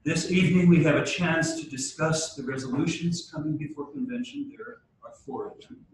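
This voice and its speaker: A man leading a church gathering, speaking formally and praying in a measured way, with a cathedral echo around his voice. He sometimes stumbles into halting restarts. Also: on the high side, sing-song, a little hiss or hum. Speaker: church leader opening a diocesan meeting. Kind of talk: formal address and liturgical prayer. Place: large church hall. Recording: cavernous church echo from a distant mic.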